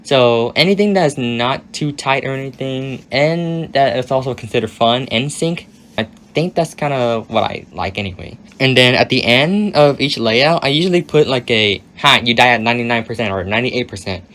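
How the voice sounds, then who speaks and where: Raspy-voiced young man, casual. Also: medium pitch, animated, moderate pace, fairly bright tone, a little hiss or hum. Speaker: video creator answering viewer questions. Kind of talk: casual Q&A monologue.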